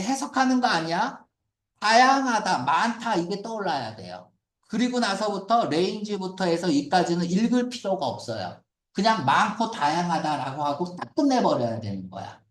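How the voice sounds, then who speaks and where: A man's voice: high-pitched, roomy sound. A man teaching an English reading passage as a lecture, questioning the class and mixing English words into his explanations.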